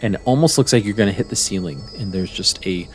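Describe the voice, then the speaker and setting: Male tabletop narrator, deepish and deliberate, measured storytelling over light background music. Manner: measured, wondering, pauses between phrases. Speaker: game master. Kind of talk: descriptive tabletop game narration. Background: soft music.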